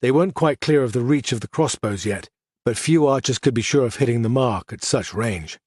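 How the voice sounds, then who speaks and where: A man narrating an audiobook in a measured, even reading style. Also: mid-range voice, breathy edge, no room sound, clean studio sound. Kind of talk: scripted narration.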